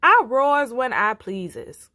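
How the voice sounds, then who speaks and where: Boastful bully lion for a storybook female reader, imperious roaring delivery, big and animated. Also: on the high side, slow pace, no room sound, studio quality, voice pushed up, exaggerated voice. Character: boastful, bullying male lion, self-proclaimed forest king.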